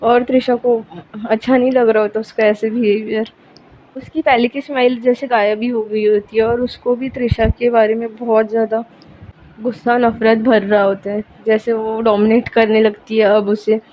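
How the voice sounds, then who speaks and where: A woman's voice: a little high, level tone, moderate pace. A woman narrating a romance story in a casual, chatty way, linking events with "so then", on a dull, lo-fi recording with faint hiss.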